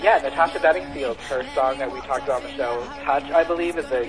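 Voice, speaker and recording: A man's voice: medium pitch, quick pace, over music. A man co-hosting a podcast, dry and sarcastic in casual chat. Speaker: podcast co-host.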